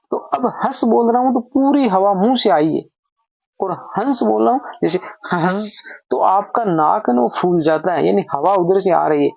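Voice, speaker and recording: A man's voice: sits high, vocal fry, darkish tone, dry recording. A man teaching a grammar lesson, patiently asking questions and answering them himself. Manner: patient, asks then answers own questions. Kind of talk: explaining lesson while writing. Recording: dull lo-fi recording.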